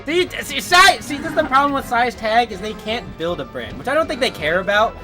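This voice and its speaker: A man commentating a fighting game match, joking around and bursting into excited shouts at big plays. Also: extremely high pitch, brisk, music in the background. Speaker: esports commentator.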